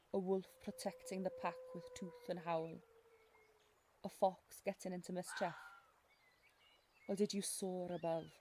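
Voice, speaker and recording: Woman playing a mellow Welsh fae guide, mysterious and protective. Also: lowish voice, a little hiss or hum. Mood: soothing. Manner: lyrical, archaic phrasing, gently commanding. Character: mysterious female fae guide, protective, wry, ancient storyteller. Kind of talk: intimate scripted audio role-play.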